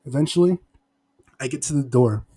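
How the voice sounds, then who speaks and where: A young man with a medium-pitched voice recounts a personal story for a vlog. He rambles casually in loose slang and swears heavily. Certain words get drawn out for emphasis. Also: normal speed, dark tone, slightly rough. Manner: slangy, heavy swearing, emphatic word stretches. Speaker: vlogger telling a personal story.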